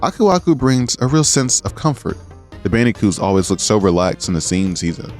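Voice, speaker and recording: A man's voice: lowish voice, very animated, a little fast, a little mellow. A man narrating a scripted video essay with earnest, appreciative commentary. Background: music.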